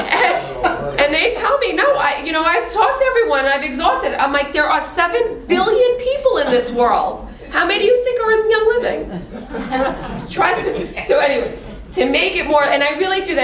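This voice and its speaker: A woman speaking on a panel, direct and lively, often laughing as she talks. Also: sits high. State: lozenge in mouth. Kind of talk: panel discussion talk. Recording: echoey room from far off.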